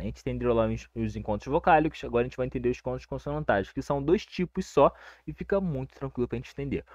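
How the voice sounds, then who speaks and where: A young Brazilian man teaching a casual grammar lesson, relaxed and reassuring, checking in with his listeners all the time. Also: medium pitch, no room sound. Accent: Brazilian Portuguese. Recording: dry, dull lo-fi recording.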